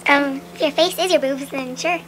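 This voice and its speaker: A friend chatting casually with quick, dry teasing comebacks on a home camera. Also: high-pitched, steady tone, fairly bright tone. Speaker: friend of the vlogger. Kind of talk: casual silly chat with a friend. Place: a house, indoors. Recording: very noisy home camera recording.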